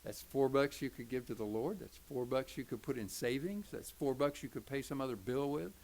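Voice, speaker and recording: An older man with an Oklahoma Southern accent, serving as pastor, teaches Sunday school in a folksy, joking manner and acts out the voices he quotes. His medium-pitched voice is brisk with a darkish tone. Slight background noise is present.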